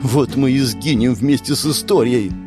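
A man's voice: medium pitch, normal speed, close to an everyday voice. A man voicing a frightened, defiant young male tree demon with a trembling voice close to tears, over guitar music. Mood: desperate. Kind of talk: audiobook character voice.

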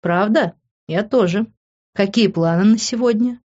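A woman's voice: mid-range voice, a little slow, darkish tone, voice pushed up, lightly acted. Woman doing a flirty charming guy, friendly tone, muffled lo-fi sound.

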